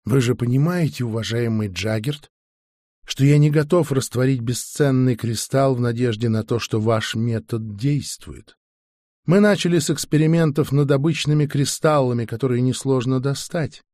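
A man's voice: mid-range voice, normal speed, dark tone, no room sound, clean studio sound, close to an everyday voice. A man voicing a haughty alien male researcher who lectures and cuts others off curtly. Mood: lecturing. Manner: curt, lecturing.

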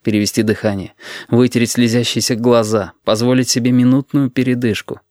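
Reading scripted audiobook narration, a man speaks at medium pitch with an even, deliberate storytelling delivery. The recording is dry and of studio quality.

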